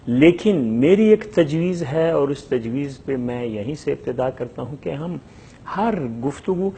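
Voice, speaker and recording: A man teaching a language lesson, stretching out example sentences slowly and repeating each one with several translations. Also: fairly high pitch, animated, dark tone, a little hiss or hum. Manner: slow, drawn-out modelling of example sentences.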